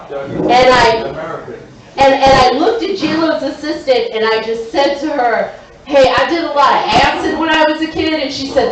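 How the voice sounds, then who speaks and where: A woman's voice: fairly high pitch, recorded from a distance. Brash woman doing stand-up, echoey room. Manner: brash, excitable, shouts punchlines. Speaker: stand-up comedian. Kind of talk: stand-up set. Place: comedy stage in a hotel venue.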